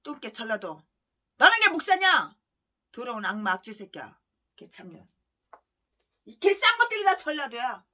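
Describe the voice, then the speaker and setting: A woman pastor preaching a fierce denunciation in a very high, piercing voice. Her pitch leaps wildly up and down, and her tone is bright and cutting. She rants relentlessly and breaks into shouts. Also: sing-song, moderate pace, pauses often. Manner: vehement, ranting, heavy name-calling, bursts of shouting. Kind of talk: fiery denunciatory sermon.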